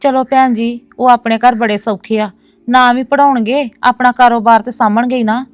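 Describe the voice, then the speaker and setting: A proud woman in a web series domestic drama, played by an actress, insists on defending her brother and his family, earnestly repeating "no, no, sister." Her voice is on the high side, fairly even and at normal speed, lightly acted and free of echo.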